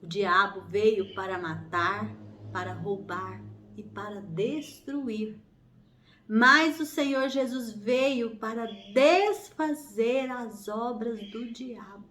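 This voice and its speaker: A woman's voice: a little high, a bit bright, a little hiss or hum. A woman leading a family prayer circle, preaching fervently with repeated exhortations and reading scripture aloud. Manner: fervent, repetitive exhortations with hallelujahs; slow, emphatic, drawn-out phrasing. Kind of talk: devotional preaching and Bible reading.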